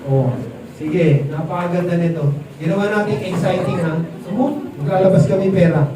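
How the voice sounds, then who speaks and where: An animated male preacher with a high voice, quizzing his audience as he tells the story. His sermon booms around an echoey hall, caught from a distance by the mic. Steady background noise runs underneath. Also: moderate pace. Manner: animated, quizzes the crowd, mixes English. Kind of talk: lively sermon with audience questions. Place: church event hall.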